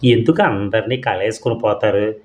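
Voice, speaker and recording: A man's voice: fairly low pitch, animated, normal speed, highs cut off, close to an everyday voice. A man voicing an irritated young wife who scolds her overly friendly husband, in a storybook reading. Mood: scolding. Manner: annoyed, scolding. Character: irritated young wife, fussy about dignity.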